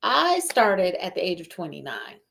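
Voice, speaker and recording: A woman hosting a live podcast as a life coach, giving a motivational talk. She speaks deliberately, repeats phrases for emphasis and checks in with the listener directly. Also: fairly low pitch, huge pitch swings, vocal fry, fairly bright tone.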